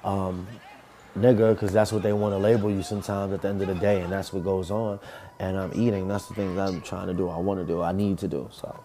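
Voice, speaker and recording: A young male rapper with a smooth, low-pitched voice tells loose, rambling stories in a casual interview. He speaks a little fast, with animated storytelling.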